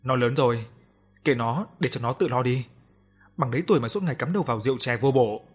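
A man's voice: medium pitch, fast, slightly rough, soft background music, close to an everyday voice. A man doing a curt, dismissive old wife.

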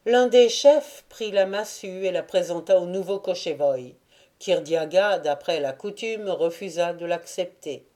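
A woman narrating a classic novel as an audiobook reader, in a measured, deliberate reading. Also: lowish voice, mellow.

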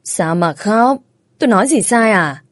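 A woman reading a story voices an older future mother-in-law who is brisk, practical and scolds kindly. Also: medium pitch, lively intonation, no echo, clean studio sound, natural voice. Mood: worried.

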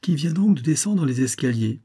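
A man's voice: fairly high pitch, lively intonation, normal speed, warm tone, breathy edge, dry recording, studio quality, voice pushed up. A man voicing a startled old English lord in an audiobook, talking in blustering, commanding exclamations.

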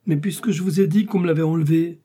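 A man's voice: steady tone, quick pace, dark tone, lightly acted. A man voicing a frightened, anxious middle-aged shopkeeper who pleads and protests in a storybook reading. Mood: pleading. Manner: pleading, protesting, rising pitch.

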